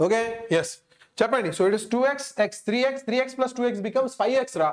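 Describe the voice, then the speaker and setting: A male physics teacher with a Telugu accent from his native tongue races through worked sums at a very rapid pace. He repeats his phrases and keeps throwing questions at his students as he goes. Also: extremely high pitch. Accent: Telugu Indian. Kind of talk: exam-coaching lesson, working through sums aloud.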